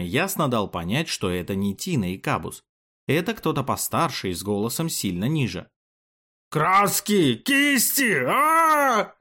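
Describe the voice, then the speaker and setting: A man narrating a children's storybook in an expressive, animated way. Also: lowish voice.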